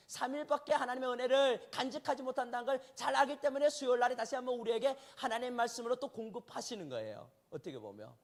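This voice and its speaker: A male pastor delivering a sermon in a conversational way, often asking the congregation rhetorical questions. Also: high-pitched. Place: church sanctuary.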